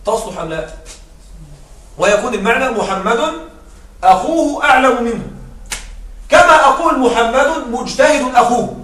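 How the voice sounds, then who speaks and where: A man teaching an Arabic grammar lesson who explains step by step, repeats his examples and keeps checking with quick rhetorical questions. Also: extremely high pitch, a bit bright, roomy sound, distant mic.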